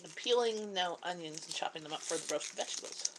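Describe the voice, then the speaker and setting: While cooking on her live stream, a talkative, giggly Canadian mother in middle age keeps up a casual conversation with her viewers. She talks fast in a fairly low voice, and background noise is audible.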